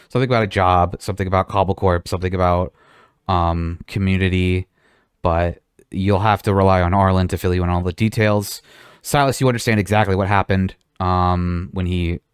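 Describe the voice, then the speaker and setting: A man's voice: sits low, smooth, dry recording, clean studio sound. A man running a tabletop game as game master, talking casually with a rambling manner. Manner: casual, rambling, lots of fillers.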